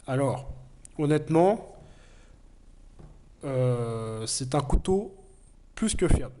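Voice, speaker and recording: Slow, animated, and dark-toned, a man's mid-range voice carries a casual knife review delivered plainly and earnestly. He has a cold and hesitates frequently, using many fillers.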